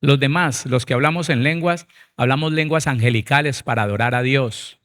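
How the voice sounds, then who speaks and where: A man's voice: mid-range voice, moderate pace, fairly bright tone. A man, a pastor preaching a Bible seminar who speaks emphatically and addresses his listeners directly.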